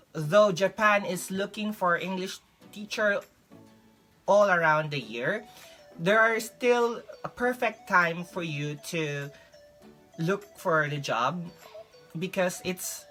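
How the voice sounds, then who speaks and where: Speaking English with a Filipino accent, this young adult vlog host and English teacher from the Philippines, a native Visayan speaker, shares casual advice. Her voice sits on the low side with a fairly bright tone.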